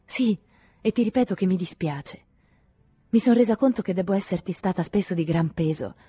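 A woman's voice: lowish voice, lively intonation, moderate pace, warm tone, slightly rough, dry recording, pitched above the performer's own voice. A woman voicing an anxious, clinging woman who talks to her lover in an earnest, pleading way in an audiobook reading.

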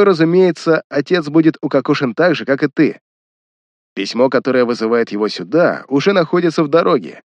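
A man's voice: mid-range voice, no echo, close to an everyday voice. A man voicing a cruel, mocking young man who threatens his sister. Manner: sneering, menacing.

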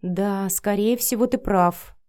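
A woman's voice: medium pitch, slow pace, no echo, close to an everyday voice. A woman reading an audiobook, voicing a hot-tempered young woman who hisses and snaps. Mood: bitter. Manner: hissing, snapping, shouting. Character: young woman, fiery, quick to anger. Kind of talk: audiobook character voice.

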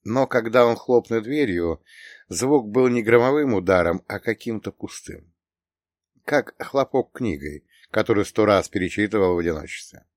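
Guy with a lowish voice reading an audiobook, wry and ironic, super dry close mic. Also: animated, moderate pace, no room sound. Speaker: audiobook narrator. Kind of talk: scripted first-person narration.

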